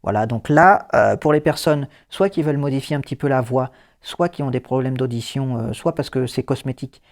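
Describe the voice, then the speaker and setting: Male host, mid-pitched, relaxed tutorial delivery with fillers and dry asides. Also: fairly quick. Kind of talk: casual screen-reader tutorial.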